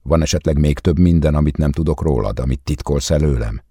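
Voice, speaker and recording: A man with a very deep, husky voice voicing a jealous young man who accuses and rants angrily in an audiobook. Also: warm tone, dry recording, clean studio sound, heavily acted. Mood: angry accusing. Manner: angry, accusing, raised voice.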